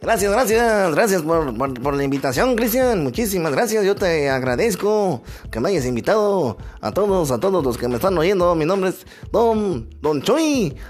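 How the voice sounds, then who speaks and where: A man's voice: high-pitched, very animated, moderate pace, few pauses, a little mellow, faint music behind, voice pushed up. A man voicing a folksy, rustic older man from the mountains, drawling and rambling with many fillers. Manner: rambling, drawling, full of fillers like "no, hombre, pues". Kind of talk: comedy sketch character.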